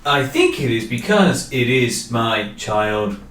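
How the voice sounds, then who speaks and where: A man's voice: mid-range voice, sing-song, takes it slowly, a bit bright, slight background noise. A man voicing a formal, literal-minded talking magic tower with stiff, careful phrasing, recorded with a roomy echo from a distance over faint music. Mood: earnest.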